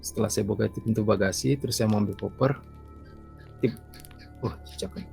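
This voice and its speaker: A man's voice: on the low side, normal speed, gravelly, darkish tone, soft background music. A young man from East Kalimantan telling his own ghost story in a loose, rambling way, repeating himself and acting out his talk with his mother. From East Kalimantan, Indonesia. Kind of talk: casual spoken storytelling.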